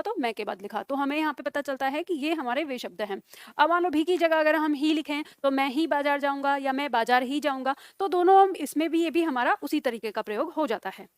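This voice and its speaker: High-voiced woman teacher dictating slowly. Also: dry recording, clean studio sound. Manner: slow dictation with repeated words, checking questions. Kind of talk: classroom grammar lesson.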